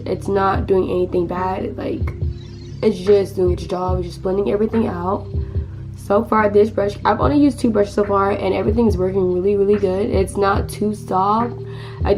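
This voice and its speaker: Her voice hoarse and almost gone, a teen girl walks through her makeup tutorial in a chatty, meandering way, full of fillers and broken-off sentences. She speaks at a middle pitch over clearly audible background music.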